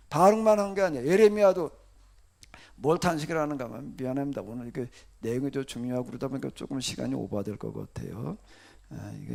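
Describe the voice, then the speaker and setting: A man's voice: on the high side, gravelly, a little mellow. A male pastor preaching a sermon in a conversational style, asking the congregation rhetorical questions and acting out laments.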